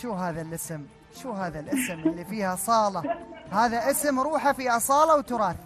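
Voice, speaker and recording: Rapid-fire Emirati male quiz host. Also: high-pitched, animated, music in the background. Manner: jovial, teasing callers. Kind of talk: live call-in quiz hosting.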